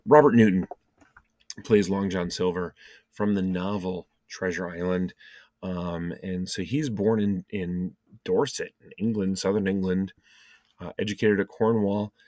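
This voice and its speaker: A low-pitched man talks through a relaxed video lesson from his basement, with plenty of ums and side notes. The sound is dry and close, with hardly any room echo. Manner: chatty, with frequent ums and asides. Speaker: teacher. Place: home basement.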